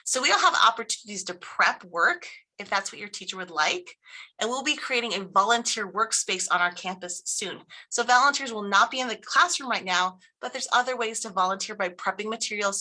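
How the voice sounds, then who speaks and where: A woman's voice: mid-range voice, a little fast, bright, forceful tone, rough recording. A woman school principal giving an upbeat, informative presentation to parents, reading from slides with small restarts.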